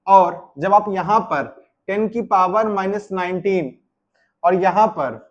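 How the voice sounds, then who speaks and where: A man's voice: high voice, lo-fi sound. A man teaching a chemistry class, explaining step by step and asking and answering his own questions. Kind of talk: classroom lecture.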